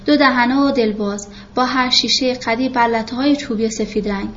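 A woman calmly reading a novel aloud as the narrator of an audiobook. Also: a little high, muffled recording, slight background noise.

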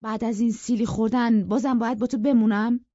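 A woman reading an audiobook, voicing a hurt and offended young gentleman who speaks in a wounded, reproachful way. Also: fairly high pitch, fairly even intonation, no room sound, dull audio, pitched above the performer's own voice, natural voice.

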